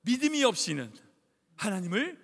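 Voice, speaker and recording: High-voiced man preaching, lively. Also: moderate pace, creaky, husky. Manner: emphatic, conversational preaching with rhetorical questions. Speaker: pastor. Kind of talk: sermon. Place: church sanctuary. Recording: echoey hall reverb.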